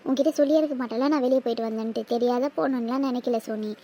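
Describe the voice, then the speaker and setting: A woman voicing a loud, whiny teenage village girl in a cartoon, who shouts and teases. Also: fairly even intonation, rapid-fire. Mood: shrill teasing. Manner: shrill shouting and teasing. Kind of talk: cartoon voice acting.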